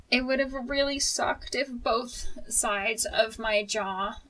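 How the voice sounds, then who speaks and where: A woman's voice: medium pitch, sharp tone, far from the mic, rough recording. A woman telling a personal story as a video creator in a casual vlog style, candid and informal with a mildly wry touch.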